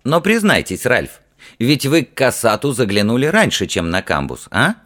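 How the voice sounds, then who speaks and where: A man's voice: mid-range voice, huge pitch swings, fairly bright tone, pitched above the performer's own voice. A man reading an audiobook, voicing a playful, impatient young prince who teases and draws out his words. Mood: teasing. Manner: teasing, laughing, drawn-out emphasis.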